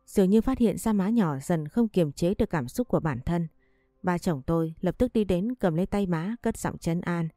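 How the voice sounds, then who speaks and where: A woman tells a family drama story in an even, steady narrating voice. Her tone sits low and warm, recorded dry and close to the mic. Faint music plays under her. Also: moderate pace, no echo.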